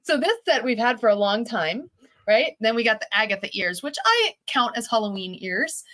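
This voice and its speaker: Higher-pitched woman co-hosting a live stream. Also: sing-song, moderate pace, fairly bright tone. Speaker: co-host of a fan live stream. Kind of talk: casual live-stream chat.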